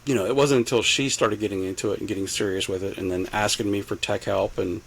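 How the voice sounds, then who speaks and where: A man's voice: on the low side, steady tone, fast, vocal fry, a bit bright, slightly rough, low-quality recording. An older man chatting as a podcast guest, rambling with lots of fillers and restarts. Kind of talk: casual chat. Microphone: home mic set low.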